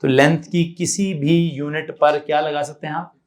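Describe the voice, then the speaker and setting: A man with a Pakistani accent teaches a physics lesson in a classroom, and his voice sits high for a man. He fires questions at his students, repeats the answers back, and drops in English terms. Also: flat delivery, normal speed. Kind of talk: classroom lecture.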